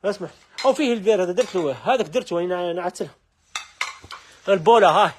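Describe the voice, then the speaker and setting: A man with an Algerian accent running a live sales stream from a household goods shop, with rapid, repetitive calls to look at the wares. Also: sits high, lively intonation, darkish tone, slight background noise. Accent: Algerian Arabic.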